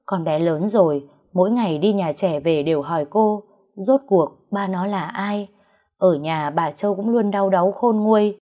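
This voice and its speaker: A woman narrating an emotional drama story in a calm, even way. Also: medium pitch, normal speed, lo-fi sound. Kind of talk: scripted narration.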